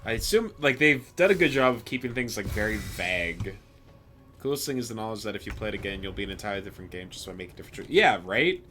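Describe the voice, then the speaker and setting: A man giving casual live commentary on a video game, musing aloud in a halting way as he plays. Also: on the low side, animated, sharp tone, faint music behind. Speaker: game streamer.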